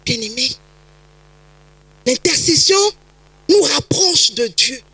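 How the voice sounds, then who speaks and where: A woman pastor delivers a sermon in a high, bright voice, repeating phrases and building to emphatic peaks. The sound is close and dry, with no room around it. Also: animated, takes it slowly, slightly rough, no room sound, poor audio. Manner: emphatic preaching, rising to shouts, frequent repetitions.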